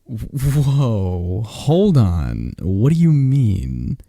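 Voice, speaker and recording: A young man's fairly low voice, with vocal fry, moves very slowly and carries no echo. As an ASMR roleplay performer he plays a close friend from a script, chatting animatedly in a one-sided conversation with someone never heard.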